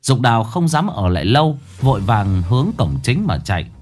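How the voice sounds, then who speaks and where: A man narrating a ghost story in a dramatic, expressive way. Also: medium pitch, a little fast. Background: faint background music.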